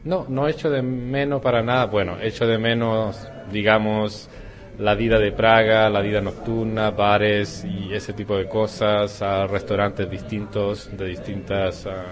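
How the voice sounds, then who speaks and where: A man's voice: on the low side, little pitch movement, a little slow. Chilean man chatting over crowd noise. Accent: Chilean Spanish. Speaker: interviewee, Spanish teacher. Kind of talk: casual interview answers.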